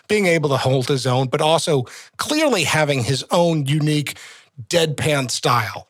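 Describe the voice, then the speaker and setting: A man hosting a podcast in casual chat, enthusiastic and quick to laugh. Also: fairly high pitch, fairly bright tone, dry recording. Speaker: podcast host.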